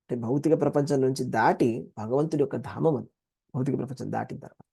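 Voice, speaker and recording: A man with a Telugu accent teaching a scripture class, explaining verses in an animated way and acting out quoted voices. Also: medium pitch, fast, vocal fry, slightly rough. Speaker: Gita teacher.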